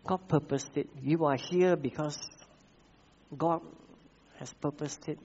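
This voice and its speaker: Malaysian pastor preaching a measured sermon. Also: male voice, on the high side, steady tone, a little mellow, husky, muffled recording. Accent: Malaysian English. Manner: measured preaching, repeats key phrases, frequent "uh" fillers.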